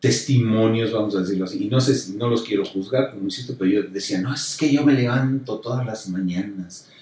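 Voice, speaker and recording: A Mexican pastor with a Mexican accent talks casually about faith, animated and repeating himself as he acts out quotes. His voice is fairly low and his pace brisk. The recording comes from a very echoey room through a distant mic.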